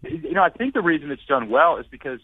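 A man's voice: on the high side, fast, slightly rough, no room sound. Man on a tinny phone line. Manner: energetic, repeats and restarts words, blunt opinions. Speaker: author and marketing consultant guest. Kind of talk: casual interview storytelling.

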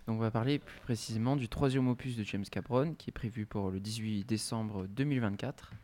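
A man talks casually on a podcast, chatty and informal, filling pauses as he explains. His delivery stays relaxed and conversational. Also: on the low side. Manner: chatty, laughing, joking. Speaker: podcast co-host. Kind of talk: casual chat.

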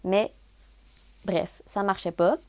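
Young Québécois woman, lively storyteller slipping into English, dry booth sound. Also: mid-range voice, takes it slowly, no echo. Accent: Québécois French. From Quebec, Canada. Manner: animated, mixes in English words. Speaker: travel podcaster. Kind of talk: casual storytelling.

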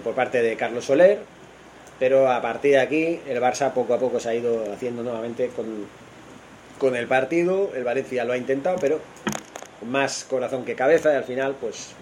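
Informal Spanish football commentator, noisy stream. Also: male voice, mid-range voice, a little mellow. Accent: Spanish from Spain. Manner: informal and opinionated, thinking aloud and correcting himself. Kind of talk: casual, improvised live football commentary.

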